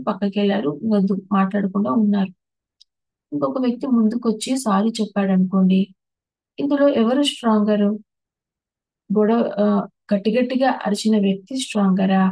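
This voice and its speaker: Gravelly, husky woman teaching meditation. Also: mid-range voice, a little fast, pauses often, warm tone, no room sound, poor audio. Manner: explains patiently, lists terms one by one with restarts. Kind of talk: spiritual talk on emotions.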